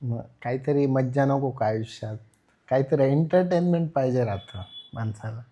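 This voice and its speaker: A man's voice: medium pitch, moderate pace, mellow. A young man from Maharashtra, a vlogger chatting casually with his wife and cracking dry jokes. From Maharashtra, India. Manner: joking, dry banter. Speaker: vlogger, husband. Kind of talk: casual chat.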